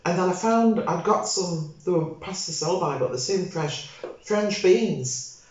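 A woman's voice: fairly low pitch, animated, a little slow, a little mellow. An older woman hosting a home cooking video, chatting casually and rambling as she cooks at her table. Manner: chatty, rambling, self-correcting. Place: home dining room, indoors. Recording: very echoey room, dull lo-fi sound.

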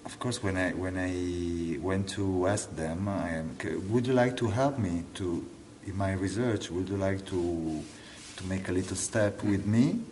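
A man in his thirties from Italy, speaking English with an Italian accent, answering interview questions and often pausing for words. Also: deep voice, darkish tone, a little hiss or hum. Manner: searching for words, many fillers. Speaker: dance artist. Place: dance studio, indoors.

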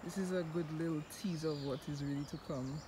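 A man's voice: fairly high pitch, steady tone, quick pace. Upbeat man vlogging outdoors. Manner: upbeat, chatty, sleepy morning voice. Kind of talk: casual outdoor hiking vlog. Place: outdoors on a mountain trail. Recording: noisy outdoor camera audio.

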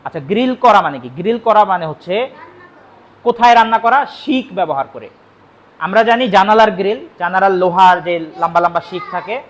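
Speaking briskly in a fairly high voice, a young spoken English teacher from Bangladesh runs a classroom vocabulary lesson. Patient in his explanations, he repeats the important words and answers the very questions he asks.

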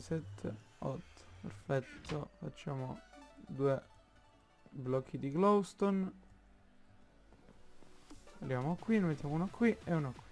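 A man with an Italian accent commenting on his own Minecraft play, slow and halting, thinking aloud with many fillers. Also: fairly high pitch, creaky. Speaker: gaming YouTuber.

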